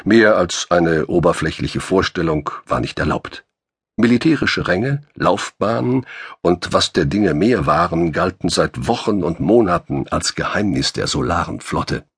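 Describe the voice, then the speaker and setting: Deep gravelly male audiobook narrator. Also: lively intonation, unhurried, no echo, studio quality.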